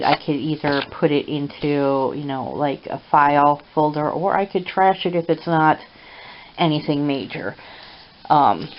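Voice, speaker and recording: A woman with a low voice talks at home in a casual vlog. She speaks haltingly, with many pauses and fillers. The recording is dull and lo-fi with steady background hiss. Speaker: vlogger. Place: at home indoors.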